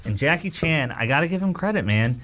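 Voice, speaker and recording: A man's voice: a little high, brisk. Man rambling through a movie plot. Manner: rambling, animated retelling with quoted voices. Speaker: movie recapper. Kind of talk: casual movie recap chat.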